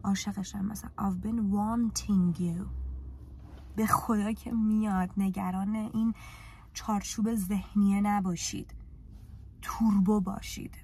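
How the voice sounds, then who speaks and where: A woman with a Persian accent teaches English in a casual live lesson, lively and teasing as she coaxes her students along. Her voice is mid-range and husky.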